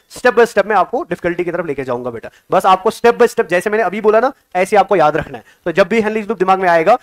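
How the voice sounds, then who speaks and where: A man teaching biology for an exam, coaxing his students with constant questions and quick praise, mixing Hindi with English terms. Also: high voice. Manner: coaxing, calls students "beta", keeps asking questions. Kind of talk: exam-prep lecture.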